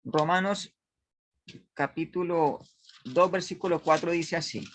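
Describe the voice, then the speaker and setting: A man's voice: a little high, fairly bright tone. A man teaching a Bible study class, reading scripture aloud, stopping to explain and to question his listeners, often restarting his sentences. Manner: halting, with many restarts.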